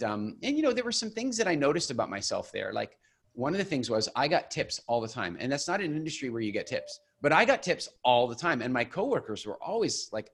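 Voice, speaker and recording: A middle-pitched man in his forties talks as an interview guest. He tells his story in a loose, conversational way, restarting sentences and acting out what others said. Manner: animated storyteller, acts out quoted voices, many restarts. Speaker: guest, business founder.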